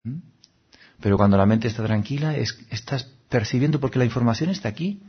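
A man, giving a calm, reflective spiritual talk in an unhurried, musing way with frequent "no?" asides. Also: mid-range voice, slightly rough, muffled recording. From Seville, Spain. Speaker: spiritual teacher.

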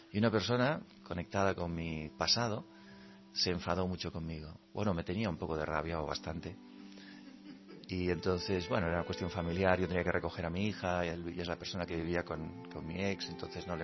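A man's voice: sits low, lo-fi sound. A man giving a reflective talk on meditation, telling personal stories and acting out his quoted thoughts, often laughing. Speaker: meditation speaker.

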